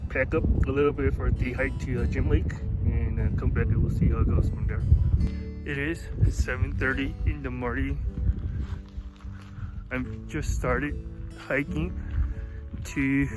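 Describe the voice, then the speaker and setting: Slow-talking man vlogging in the mountains. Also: medium pitch, rough recording. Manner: halting, thinking aloud. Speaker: solo backpacker filming a vlog. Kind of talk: casual vlog talk. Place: outdoors in the mountains.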